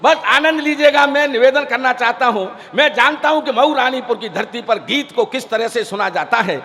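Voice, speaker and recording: A man with a very high-pitched voice, bright and forceful, speaks at normal speed as compere, performing comic poetry-gathering banter and teasing and declaiming to a live audience. It is live stage comedy with introductions, delivered on a large event stage into a stage microphone, with hall reverb from the stage PA.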